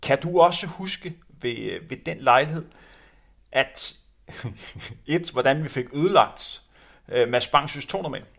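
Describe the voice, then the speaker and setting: A man's voice: a little high, creaky, fairly bright tone. A man who used to run, telling anecdotes in a rambling way with many fillers. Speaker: former runner telling stories. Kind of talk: casual anecdote chat.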